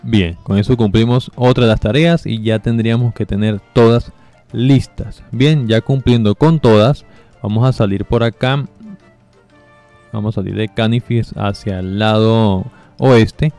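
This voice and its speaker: A man giving casual step-by-step commentary over a game walkthrough, relaxed and explaining with fillers. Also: on the low side, measured pace, faint music behind. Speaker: gameplay guide narrator.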